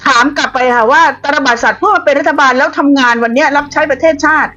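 A woman's voice: high-pitched, very fast, bright, forceful tone. A woman giving a blunt, combative political commentary monologue, scolding her opponents. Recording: dull lo-fi audio with faint music.

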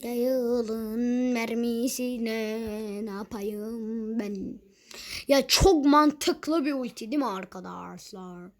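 A woman's voice: on the high side, slow pace. A young woman talking casually over her own gameplay, chatty and easily exasperated, with teasing asides. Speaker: gaming youtuber.

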